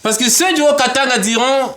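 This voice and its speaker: A man, a guest in an interview, explaining a political model in an animated way and often laughing. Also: very high-pitched, fairly quick, slight background noise. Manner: animated, acts out imagined dialogues, laughs often.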